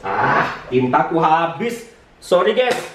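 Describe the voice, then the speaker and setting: A man's voice: big pitch swings, takes it slowly, recorded from a distance, noisy background. Playful male teacher in an echoey room. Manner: chatty and playful, mixes English words into his talk, jumps up in pitch for emphasis. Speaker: English teacher. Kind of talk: casual spoken lesson at a whiteboard. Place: room with a whiteboard.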